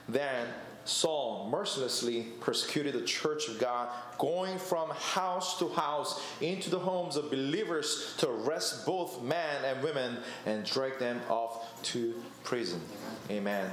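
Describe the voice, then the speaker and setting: In an echoey church room, a young man with a medium-pitched voice preaches a chatty, conversational sermon, telling stories and laughing at himself. There's slight background noise.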